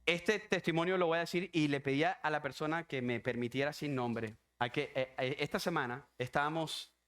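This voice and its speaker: A man's voice: on the high side, a bit bright. A man preaching a sermon as pastor, emphatic and repetitive, driving home his points with rhetorical questions.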